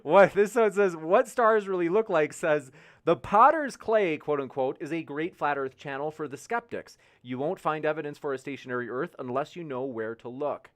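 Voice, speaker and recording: A man's voice: on the high side, lively intonation, moderate pace. A man moderating an online debate, reading out chat questions in an upbeat, chatty way. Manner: upbeat, chatty, hypes upcoming events.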